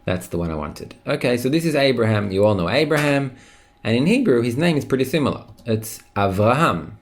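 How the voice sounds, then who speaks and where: A man teaching an online language lesson, patient and encouraging, slowly repeating words for listeners to say along. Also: mid-range voice, lively intonation.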